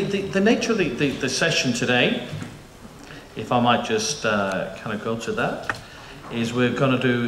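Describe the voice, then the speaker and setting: In an echoey conference auditorium with faint room noise, a British panel moderator gives a presentation. His medium-pitched voice has a fairly bright tone, and he's chatty and jokey, often restarting and using fillers.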